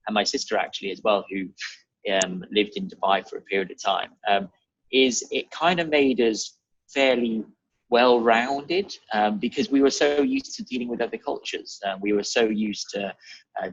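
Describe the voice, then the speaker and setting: A young British man from England and Germany, a real estate advisor, chats casually as a podcast guest over a video call from a bright room at home. His voice is lowish, a bit bright, and husky, with no room sound. The audio is dull and muffled, typical of a video call.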